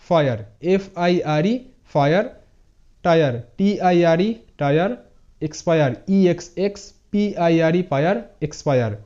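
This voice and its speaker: In a dull, lo-fi recording, a man with a slightly high, warm voice gives a spoken English pronunciation tutorial. He spells each word out letter by letter, repeats it, and talks to viewers casually in Bengali sprinkled with English words.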